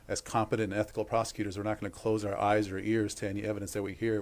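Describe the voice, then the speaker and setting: A man's voice: fairly low pitch, darkish tone. A man speaking as a prosecutor, giving formal, cautious answers at a press conference. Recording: clear background noise, room ambience.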